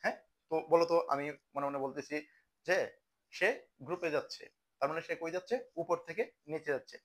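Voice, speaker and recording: With a fairly high, slightly bright voice and fairly even intonation, a young man moves briskly through a chemistry lesson. He keeps things casual and conversational, frequently answering his own questions.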